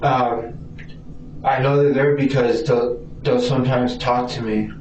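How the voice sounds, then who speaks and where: Being questioned by police, this Arizona man speaks in a steady, slightly mellow mid-range voice at a measured pace, yet he's hesitant, stammering and repeating his words. The sound comes from a distant, roomy mic, dull with faint noise.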